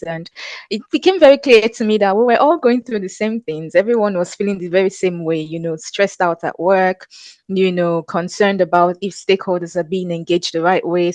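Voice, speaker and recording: A woman telling her story on a webinar panel, confident and animated. Her voice sits a little low, and the sound is close and dry with no room echo. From Nigeria.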